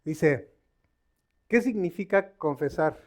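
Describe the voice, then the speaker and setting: A man leads a Bible study in the loose manner of a lay preacher, not a polished speaker. His voice sits on the higher side, and he quizzes the room, pausing on fillers and restarting sentences as he hunts for the right word. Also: animated, a little mellow. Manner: conversational, quizzing the audience with questions; stops to search for words, with many fillers and restarts. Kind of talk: informal sermon.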